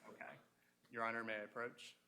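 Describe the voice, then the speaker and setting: A man questioning a witness as a prosecuting attorney in a courtroom, in a formal, procedural and halting way. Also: mid-range voice, level tone, pushed and bright. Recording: noisy courtroom pickup with room ambience.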